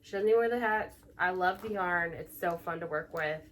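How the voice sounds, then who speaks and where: A young woman co-hosting a casual knitting podcast, chatty and gushing, with sudden excited gasps. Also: lowish voice, fairly quick, a little hiss or hum. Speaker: podcast co-host.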